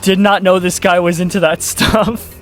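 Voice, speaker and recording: Speaking at an ordinary speed with fairly even intonation, a high-voiced male YouTuber delivers loose, sarcastic commentary full of profanity. Soft music runs underneath.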